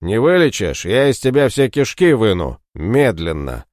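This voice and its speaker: A man's voice: fairly low pitch, very animated, unhurried, darkish tone, no echo, studio quality. A man voicing a hard, menacing young male warrior who speaks bluntly and threatens in an audiobook story. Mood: grim.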